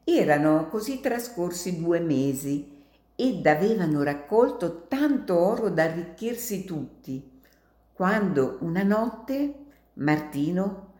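A woman reading an adventure story aloud in a slow, measured way. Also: fairly low pitch, a little mellow, echoey room.

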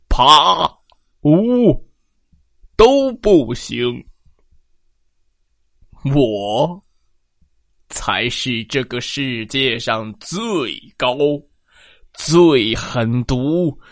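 A storyteller voicing a huge, boastful, menacing giant who speaks slowly and loudly. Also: medium pitch, no echo, clean studio sound, full character voice. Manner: slow, loud, boastful.

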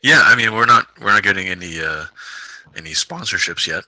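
A man's voice: low-pitched, lively intonation, a little fast, bright, forceful tone, no room sound, poor audio. A man in his twenties co-hosting a podcast, chatting loosely and laughing often. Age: 20s. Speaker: podcast co-host. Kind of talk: casual chat.

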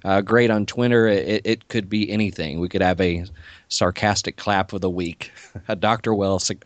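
A man co-hosting a podcast in relaxed, chatty talk. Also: low voice, moderate pace, no room sound. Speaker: podcast co-host. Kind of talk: casual chat.

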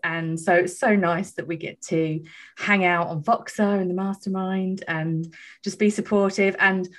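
Low-voiced enthusiastic woman host. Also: steady tone, measured pace. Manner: enthusiastic and encouraging, with frequent laughs. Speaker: podcast host. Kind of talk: casual interview chat.

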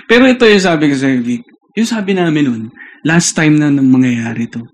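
A man's voice: a little high, expressive, a little fast. A man co-hosting a casual chat podcast, telling stories in a rambling way with many fillers. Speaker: podcast co-host.

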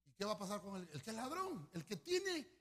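Male pastor, sermon, husky voice, bright and sharp tone, sudden loud swells. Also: high-pitched, very animated, brisk.

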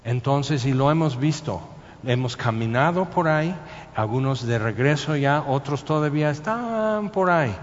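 A man preaching a sermon, telling the story lively and acting out scenes and sounds. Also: medium pitch, moderate pace. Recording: muffled sound in a reverberant hall with faint noise.

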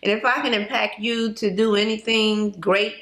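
A woman's voice: fairly high pitch, little pitch movement, moderate pace, a bit bright. A woman in her fifties giving earnest, heartfelt, conversational answers as an interview guest. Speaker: interview guest, clothing designer. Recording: roomy echo.

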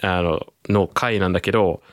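A low-voiced man co-hosting a casual podcast, explaining things at length with frequent laughs. The recording is dry and close, with no room sound. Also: fairly even intonation, normal speed, dry recording. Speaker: podcast co-host. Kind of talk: casual chat.

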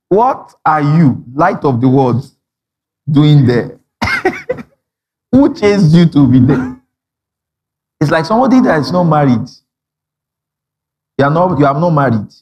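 A man preaching a sermon, telling stories with acted-out dialogue and frequent laughter. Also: on the high side. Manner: animated storytelling, acting out dialogue, frequent laughter. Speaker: pastor.

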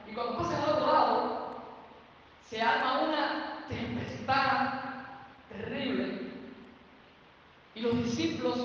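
A Cuban man speaking Cuban-accented Spanish in a very high-pitched, slightly bright voice preaches a sermon, vividly retelling scripture scenes in his own words. The recording is dull-sounding, with a distant mic in an echoey hall and a little hiss or hum.

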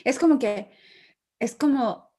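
A woman's voice: mid-range voice, normal speed, slightly rough. A woman in casual conversation, telling stories about raising her children and acting out what they say. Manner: animated storyteller who acts out her children's lines. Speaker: mother sharing parenting stories. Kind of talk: casual chat.

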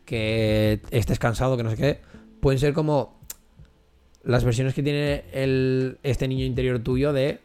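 A man's voice: medium pitch, fairly even intonation, measured pace, warm tone, clear, resonant tone, faint music behind. A man chatting candidly on a podcast, swearing often and restarting his sentences as he goes. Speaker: podcast co-host. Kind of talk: casual podcast chat.

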